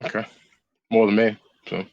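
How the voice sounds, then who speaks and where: A man's voice: on the low side, flat delivery, moderate pace, gravelly, no echo, muffled recording. Blunt, swearing male podcast co-host. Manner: blunt, profane, laid-back storytelling. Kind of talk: casual chat.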